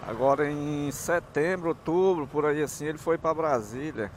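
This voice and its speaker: A motovlogger with a northeastern Brazilian accent chats in a folksy, rambling way while riding a motorcycle through town streets. His voice is fairly high and moderately paced, with engine and traffic noise all around.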